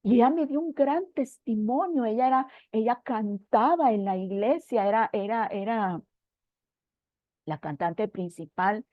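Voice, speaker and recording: Woman, fairly high voice, earnest church testimony, heartfelt storytelling, dry and slightly muffled recording. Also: unhurried, dry recording. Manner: earnest, emotional storytelling addressed to a brother. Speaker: church sister giving testimony. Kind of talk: personal spiritual testimony.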